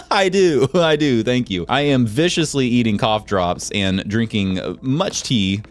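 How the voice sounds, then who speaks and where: A man with a cold, hoarse and nasal, giving chatty, excitable let's play commentary. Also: mid-range voice, slow pace. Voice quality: chatty, excitable, laughs often. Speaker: gaming YouTuber.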